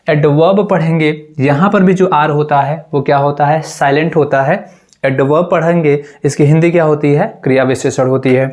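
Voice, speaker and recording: A male teacher giving a grammar lesson, asking rhetorical questions and answering them himself, repeating key words slowly. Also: a little high. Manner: repeats each word slowly and deliberately. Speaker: English teacher.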